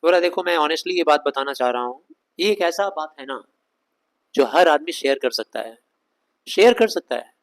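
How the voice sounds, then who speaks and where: A man teaching a Shakespeare scene line by line, reading the English slowly in an Indian accent and explaining it in conversational Hindi with rhetorical questions. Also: a little high, animated, low-quality recording. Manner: reads English lines slowly, explains them fast in Hindi.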